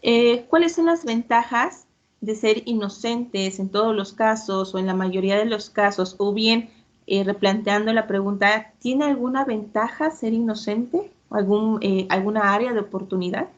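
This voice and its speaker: A woman moderating an online debate, explaining in a measured way with frequent fillers. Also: mid-range voice, muffled recording.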